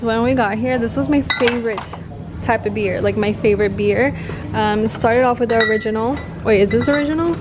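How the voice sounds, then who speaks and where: A young woman in her twenties, with a voice on the high side, narrates a casual vlog into a handheld compact camera held at arm's length. She's chatty, upbeat, and easily delighted as she walks through an indoor shopping mall and out onto the street, with noisy ambience all around.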